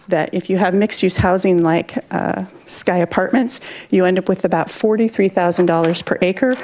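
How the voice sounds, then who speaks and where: A woman's voice: lowish voice, a little mellow, a little hiss or hum. Breathless woman giving public comment. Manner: moves around while talking, drifting off the mic. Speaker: public commenter at a city council meeting. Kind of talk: public comment with a hands-on demonstration.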